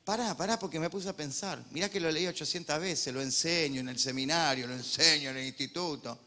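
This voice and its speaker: Man, Rioplatense Argentine accent, pastor, sermon, joking, bright, forceful voice. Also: on the high side, brisk. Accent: Rioplatense Spanish. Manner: animated, joking, swings between loud preaching and quiet asides.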